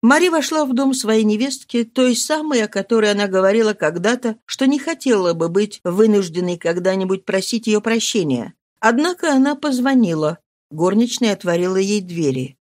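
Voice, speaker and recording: A woman reading a novel aloud as narrator, in an expressive, dramatic manner. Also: medium pitch, normal speed. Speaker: audiobook reader. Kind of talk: scripted narration.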